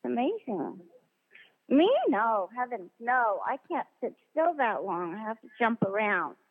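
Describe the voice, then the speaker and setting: A woman voice actress being interviewed, telling stories in a chatty, animated way and acting out the dialogue she quotes. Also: fairly high pitch, measured pace. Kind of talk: casual interview anecdotes. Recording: tinny phone-line sound in a long reverb.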